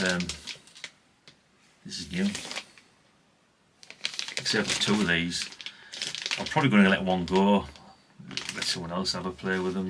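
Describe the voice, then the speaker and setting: This middle-aged vlogger and radio collector has a deep voice and chats in a loose, colloquial, rambling way, frequently adding tag questions to what he says. Noise can be heard in the background.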